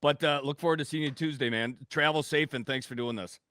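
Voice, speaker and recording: A man's voice: fairly high pitch, brisk, a bit bright, clean tone, no room sound, studio quality. A man hosting a sports radio interview, effusive, upbeat and friendly with his guest. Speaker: radio host.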